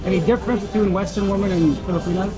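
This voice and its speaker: A man with a noticeably high voice conducting a street interview, asking short and friendly questions and answering mostly with quick affirmations. Clear music runs underneath his voice. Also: steady tone, poor audio.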